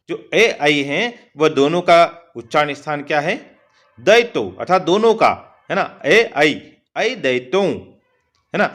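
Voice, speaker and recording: A man teaching a Sanskrit lesson, reciting sutras slowly and checking in with "है ना" again and again. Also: mid-range voice, a bit bright. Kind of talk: explanatory online lesson.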